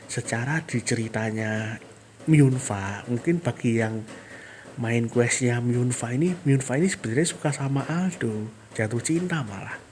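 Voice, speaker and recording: A man's voice: mid-range voice, measured pace, darkish tone, slight background noise. A man giving chatty, amused asides on a game's story, casual commentary between dubbed lines. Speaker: fan dubber and game commentator.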